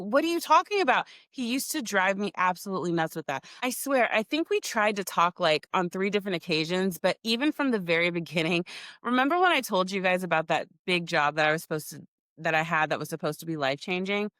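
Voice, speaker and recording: A woman's voice: medium pitch, fairly quick, dry recording. Forties lady podcaster ranting about her life, swears a lot, laughs a lot, dry close sound. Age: 40s. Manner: chatty, profane, animated, laughs often. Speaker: podcast host. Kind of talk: casual storytelling monologue.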